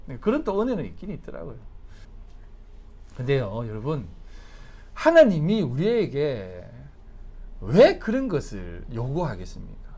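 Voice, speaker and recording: A man, a pastor, preaching a sermon with animated swings from soft storytelling to loud exhortation, sometimes laughing as he tells stories. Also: mid-range voice, unhurried, long pauses, slightly rough. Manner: acts out family dialogue with a laugh in his voice.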